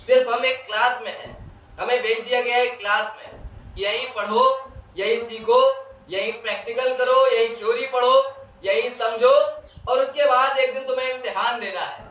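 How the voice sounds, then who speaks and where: A man's voice: very high voice, steady tone, a bit bright. A man with a North Indian Urdu accent giving a majlis sermon, asking the audience questions and answering them himself, and telling stories through quoted dialogue. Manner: tells stories with quoted back-and-forth dialogue. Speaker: zakir, religious speaker at a mourning gathering. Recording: echoey hall, voice heard from far.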